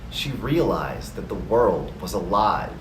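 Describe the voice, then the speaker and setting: A man narrating a scripted story slowly, in a calm, gentle and measured manner. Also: deep voice, reverberant, distant mic, background noise.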